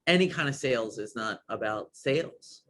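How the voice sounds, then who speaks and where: A man's voice: medium pitch, animated, moderate pace, a bit bright, a little hiss or hum. A man guesting on a podcast, talking casually and enthusiastically, with many "like"s and restarts. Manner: enthusiastic, rambling, lots of "like".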